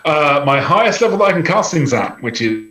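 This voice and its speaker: A man's voice: fairly high pitch, sing-song, brisk, bright, forceful tone. A man playing a tabletop game, planning his move hesitantly. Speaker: player. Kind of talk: casual chat at a tabletop game. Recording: roomy echo.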